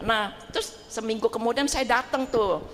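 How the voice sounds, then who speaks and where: A woman's voice: on the high side, normal speed, big-room sound, slight background noise. A middle-aged woman telling a personal testimony in a casual, chatty way, acting out the voices in her story. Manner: chatty, animated, acts out quoted voices, laughs often. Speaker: parish group member sharing testimony. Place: church hall.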